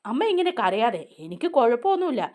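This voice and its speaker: A woman's voice: fairly high pitch, sing-song, fast talker, a little mellow. A woman voicing an injured but easygoing young man who keeps reassuring his family.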